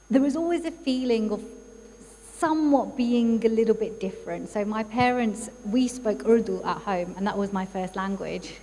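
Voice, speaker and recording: Her medium-pitched voice rings around an echoing church hall, where a guest speaker in her thirties, a psychologist from East London, England, shares a personal talk at a community event. She's warm and chatty and uses lots of fillers, with faint background noise in the reverberant space.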